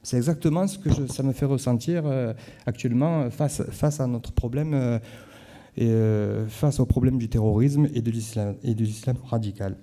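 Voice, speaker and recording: Dark-voiced man with a Marseille accent. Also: medium pitch, moderate pace. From Marseille, France. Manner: conversational, asides to the audience. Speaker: conference speaker. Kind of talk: conference talk. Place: conference hall.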